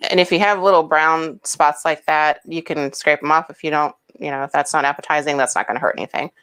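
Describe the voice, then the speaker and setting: A woman's voice: low-pitched, fairly even intonation, fast talker, fairly bright tone, smooth. A woman hosting a home cooking demonstration, explaining each step in a chatty, homey way with casual asides. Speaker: cooking show host.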